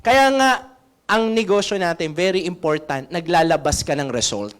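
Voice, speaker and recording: A man's voice: on the high side, lively intonation, moderate pace. A man giving a seminar talk as a sales trainer, coaching and keeps asking the audience questions.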